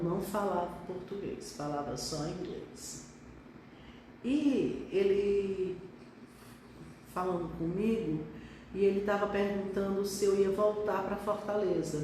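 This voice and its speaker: A fairly low, warm voice with a little hiss or hum belongs to a middle-aged Brazilian pediatric neurologist. She talks reflectively and with some hesitations on a live stream, her phone distant in an echoey room.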